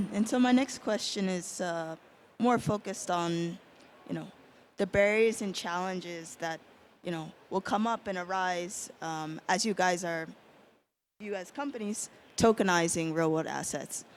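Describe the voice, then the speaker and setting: A woman moderating a conference panel, asking slow, measured questions. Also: on the low side, slight background noise.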